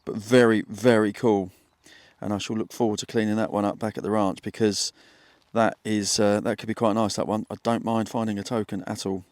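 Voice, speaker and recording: A man's voice: lowish voice, flat delivery, brisk, a little mellow, dry recording. A British man in his fifties chatting casually to viewers in an understated way, as a metal detecting vlogger out in an open field. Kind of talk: casual outdoor vlog narration. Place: outdoors in an open grassy field.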